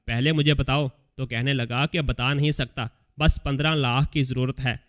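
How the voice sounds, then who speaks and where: A man reading a scripted story aloud as a voice-over, telling it in the first person as an elderly mother in a steady storytelling manner. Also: medium pitch. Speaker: story narrator. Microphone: voice-over recording.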